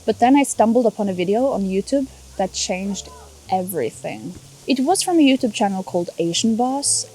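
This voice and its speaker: On a rough recording, a Norwegian woman in her twenties narrates her personal story as a vlogger, earnest and upbeat, from a script. Her voice is medium in pitch, mellow and husky, with a Norwegian accent.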